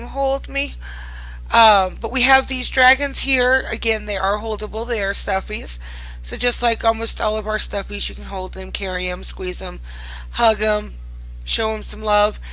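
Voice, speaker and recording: A woman with a bright, forward voice at an ordinary pitch presents items from a virtual world. She talks casually as the host, gushing fondly over what she shows, though she is tired. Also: poor audio. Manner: gushing, fond of cute things. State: tired late at night. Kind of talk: casual showcase commentary.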